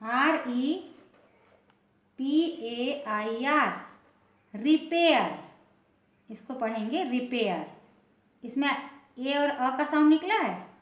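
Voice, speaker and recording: A woman's voice: high-pitched, expressive, takes it slowly, long pauses, echoey room, muffled recording. A woman teaching spelling and pronunciation rules, spelling words out letter by letter and answering her own questions.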